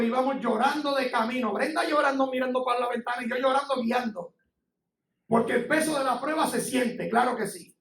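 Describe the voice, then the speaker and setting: High-voiced Puerto Rican pastor preaching. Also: male voice, fairly bright tone. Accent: Puerto Rican Spanish. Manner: impassioned, conversational preaching with testimony. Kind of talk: sermon. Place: church sanctuary. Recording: echoey church, from far off.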